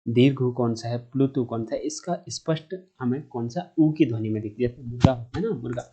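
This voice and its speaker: A man's voice: mid-range voice, fairly quick, mellow, breathy edge. A man teaching Sanskrit grammar online. He explains step by step, asks himself questions and answers them, and stretches vowel sounds to show their length.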